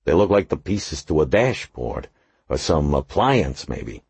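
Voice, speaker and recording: A man's voice: rumbling low, sing-song, a little slow, a little mellow, husky, full character voice. A man reading an audiobook, voicing a skeptical, down-to-earth male detective who talks plainly. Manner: plain-spoken, doubtful.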